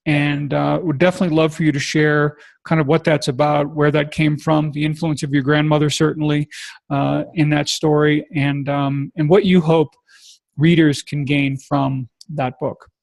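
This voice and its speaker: A man's voice: fairly high pitch, level tone, normal speed, gravelly, no echo. A man hosting a podcast interview, talking casually and rambling with many fillers. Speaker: podcast host. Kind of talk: conversational interview.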